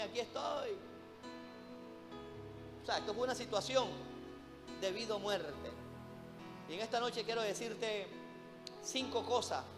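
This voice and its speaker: A man's voice: high-pitched, long reverb tail. A man preaching a sermon in a church, emphatic, repeatedly calling out to the congregation as brothers.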